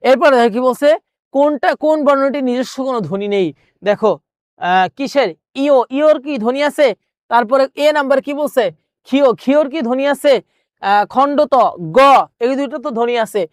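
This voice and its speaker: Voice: sits high, moderate pace, long pauses, dry recording, clean studio sound. Repetitive teacher drilling quiz answers. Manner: drills by repeating words and questions; asks viewers then answers itself. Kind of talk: exam-prep grammar lesson.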